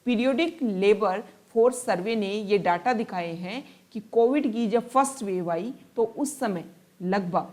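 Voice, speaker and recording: Woman tutor, mid-pitched, newspaper analysis lesson: slow read-outs in English, patient explanations in Hindi. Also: a little mellow. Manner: reads English passages slowly, then explains in Hindi; explanatory, repeats and rephrases points. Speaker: exam-prep tutor.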